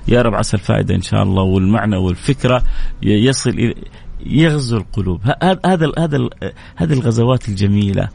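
A man, hosting a religious radio show and telling stories with lively, dramatic rises in his voice. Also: lowish voice, rapid-fire, creaky. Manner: animated storyteller, voice leaps up for dramatic moments. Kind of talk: religious storytelling talk.

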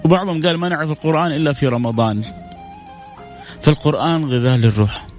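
A man hosting religious radio talk, a fervent preacher who swings between high exclaiming and low solemn recitation. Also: quick pace, darkish tone, soft background music.

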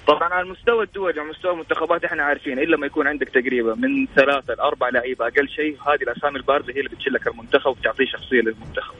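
A man from Jeddah, calling in by phone to argue his points rapidly, over a bad phone connection that keeps cutting out. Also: mid-range voice, steady tone, breathy edge. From Jeddah, Saudi Arabia. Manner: rapid, argumentative, stacks points. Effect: bad phone connection that cuts out. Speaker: caller. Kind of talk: phone-in sports opinion. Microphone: phone call. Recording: muffled, cutting-out phone line.

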